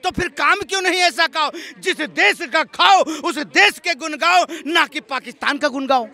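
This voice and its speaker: A man's voice: extremely high pitch, normal speed, sharp tone. A man arguing heatedly as a street interviewee, insisting on being heard and repeating his points. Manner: insistent, repeats himself, talks over others.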